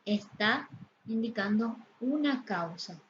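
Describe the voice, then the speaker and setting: A woman teacher explains grammar at a very slow, deliberate pace, pausing often. Her voice sits a little high. The recording is slightly dull and lo-fi, with a faint hiss behind her. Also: expressive. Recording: slightly dull, lo-fi sound with faint background noise.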